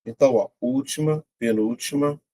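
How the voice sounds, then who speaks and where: A man teaching a casual online Portuguese lesson, chatty and colloquial, working through examples step by step out loud. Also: mid-range voice, moderate pace, a little hiss or hum.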